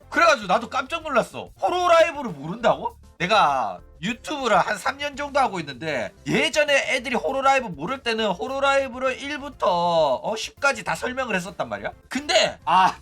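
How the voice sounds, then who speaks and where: A male streamer gives casual commentary in a high, bright voice that jumps all over its range. He sounds animated and chatty and throws in mocking asides. Faint music plays behind him. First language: Korean.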